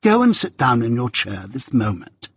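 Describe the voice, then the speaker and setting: A man voicing a haughty, indignant gentlewoman mother who speaks imperiously to her household in a storybook reading. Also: medium pitch, expressive, moderate pace, slightly rough, no room sound, studio quality. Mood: indignant scolding. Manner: imperious, affronted.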